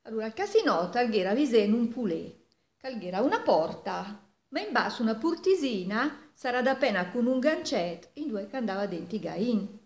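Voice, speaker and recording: A woman's voice: on the high side, sing-song, normal speed. A woman in her seventies with a Milanese accent tells an old folk tale like a storyteller at home. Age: 70s. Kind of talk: oral folk tale told in Milanese dialect. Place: living room at home, indoors. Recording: echoey room, distant microphone.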